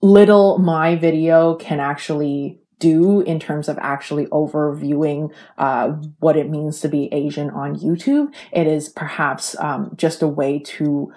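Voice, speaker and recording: A woman's voice: deep voice, fairly even intonation, a little slow, hardly any pauses, dark tone. A young adult woman who grew up in Canada, hosting an unscripted video essay and rambling with many fillers and restarts. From China, raised in Canada.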